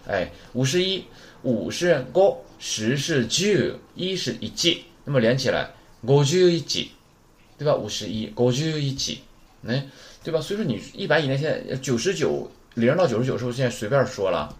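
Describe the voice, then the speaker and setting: Very animated and moderately paced, this medium-pitched man runs a casual spoken lesson for Japanese beginners. He drills numbers aloud in a chatty manner and keeps asking rhetorical questions.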